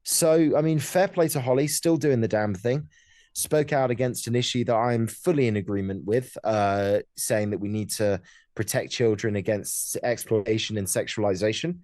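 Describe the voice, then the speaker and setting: A man's voice: on the low side, normal speed, darkish tone, dry recording. A man hosting a podcast, giving casual, conversational commentary on sport. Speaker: podcast host.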